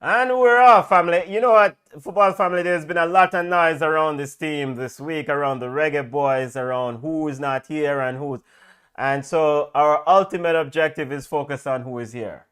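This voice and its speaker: A man co-hosting a football watch-along, calling lineups and play in a lively casual way with many fillers. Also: on the high side, normal speed, clean tone.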